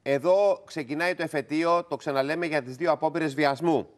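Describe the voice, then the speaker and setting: A man hosting a TV news panel, recapping a court case and handing questions to his co-hosts. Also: fairly high pitch. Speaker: TV news show host. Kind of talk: studio news discussion.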